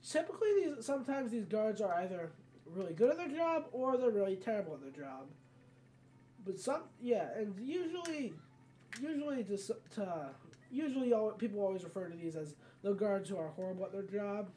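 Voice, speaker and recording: A medium-pitched, sing-song voice with a dark tone and normal speed delivers rambling, casual commentary on a video game. The let's player often corrects themselves mid-sentence, and the distant mic catches background noise.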